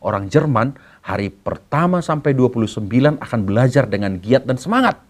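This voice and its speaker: A man with an Indonesian accent, a pastor giving a sermon to students and telling stories with a playful, lively manner. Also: medium pitch, a little fast. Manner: lively storytelling with acted quotes.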